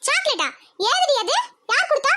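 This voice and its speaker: A woman's voice: very high voice, very animated, fairly quick, pushed and bright, no room sound, exaggerated voice. A woman voicing a suspicious, scolding village mother. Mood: firm. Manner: scolding, suspicious, rural Tamil speech. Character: anxious strict village mother, middle-aged woman. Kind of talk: cartoon voice acting.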